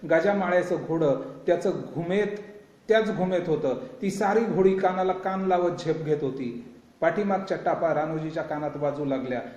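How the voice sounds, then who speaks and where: A man's voice: fairly high pitch, normal speed, darkish tone. Man reading a novel aloud, echoey. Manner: vivid, dramatic storytelling. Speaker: reader. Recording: roomy, dull lo-fi recording.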